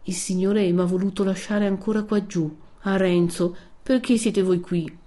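A woman's voice: medium pitch, steady tone, unhurried, dark tone, lightly acted. Woman voicing a frail, trembling young woman. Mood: anxious. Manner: tremulous, anxious, questioning.

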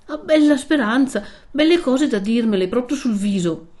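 A woman's voice: on the high side, lively intonation, measured pace, mellow, pitched above the performer's own voice. A woman voicing a frail, devout young woman who speaks tremulously and anxiously in a storybook reading. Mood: distressed.

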